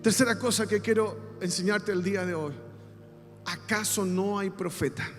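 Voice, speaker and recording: A male pastor with a Chilean Spanish accent delivers a sermon in a fairly high voice, drawing the congregation into call-and-response. He moves from quiet, intimate phrases to fervent shouts. His voice rings through a reverberant church hall over faint background music. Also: fairly even intonation, moderate pace. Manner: preaching with call-and-response, swinging from soft to shouted.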